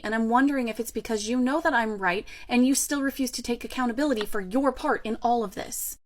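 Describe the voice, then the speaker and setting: A woman voicing a fed-up female teacher in an animated storytime, speaking in a crisp, cutting, articulate way. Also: on the high side, lightly acted. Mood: indignant.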